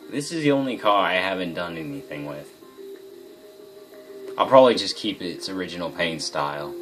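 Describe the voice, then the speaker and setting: Brief: low-voiced male gamer, loose rambling play-by-play, game music playing underneath. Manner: rambling, self-correcting, thinking aloud. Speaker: gaming video host. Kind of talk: casual gameplay commentary.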